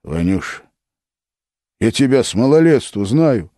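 A man's voice: fairly high pitch, sing-song, unhurried, dry recording, studio quality, pitched above the performer's own voice. A man voicing an anguished, pleading churchman. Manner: pleading, then shouting in anger.

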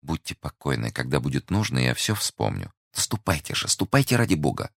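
A man voicing a cautious, secretive young woman who speaks in hushed, urgent tones. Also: extremely low pitch, sing-song, a little fast, gravelly, dry recording, clean studio sound, exaggerated voice. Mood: guarded.

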